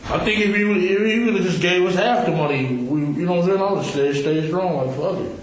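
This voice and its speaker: A man in a recorded police interrogation, telling his story with profane street slang and lively retelling. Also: sits high, brisk, a little hiss or hum. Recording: echoey room on a distant recorder.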